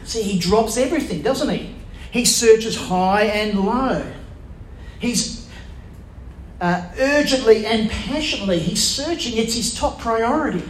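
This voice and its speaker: A man with a high voice preaches a sermon and keeps turning to his listeners with questions. He lets pauses carry his emphasis. The sound is roomy and echoey, with a faint hum of ambience behind him. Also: expressive.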